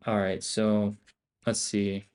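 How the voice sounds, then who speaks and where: A man giving casual live trading commentary as a streamer, in loud, cocky, slangy finance-bro talk full of swearing and bro and dude. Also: on the low side, little pitch movement, slow, smooth. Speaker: day trader hosting a live stream.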